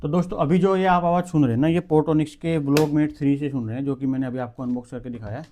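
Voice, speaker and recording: A man's voice: fairly high pitch, steady tone, fast, warm tone, a little hiss or hum. A man casually reviewing wireless mics on a clip-on mic, chatty and explaining each step as he handles the gear. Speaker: tech reviewer vlogger. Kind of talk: casual product demo.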